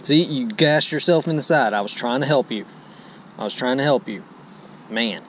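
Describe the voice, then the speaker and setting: Out on a lake in a bass boat, a man with an American accent chats playfully while fishing for his vlog, folksily repeating himself. He has a mid-range, fairly bright voice at a moderate pace, and the noisy boat recording captures every sound.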